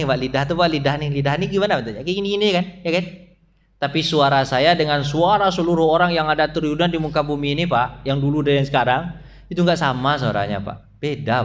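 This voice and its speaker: In a mosque hall at dawn, a preacher with a high voice, an Indonesian accent, and Malay-flavored phrasing addresses his listeners as "Pak" and keeps quizzing them. He mimics little sounds and voices, moving from loud, raised high points to soft, low asides.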